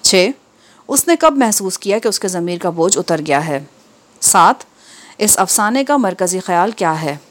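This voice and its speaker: A woman reading an Urdu textbook aloud, with careful, measured delivery and steady pauses between items. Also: on the low side. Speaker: textbook reader.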